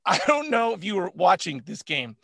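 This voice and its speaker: A man co-hosting a casual sports chat, animated and laughing often, with lots of filler words. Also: high voice, moderate pace, gravelly, dry recording, studio quality. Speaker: co-host.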